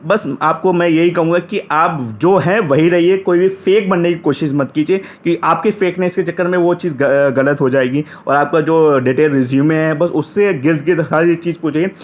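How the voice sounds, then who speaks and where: Young man, slightly high pitch, from Uttar Pradesh; casual first-person storytelling, chatty, self-correcting. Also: moderate pace, hardly any pauses. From Uttar Pradesh, India. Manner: chatty, retells dialogue, frequent restarts. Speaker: interview candidate recounting experience.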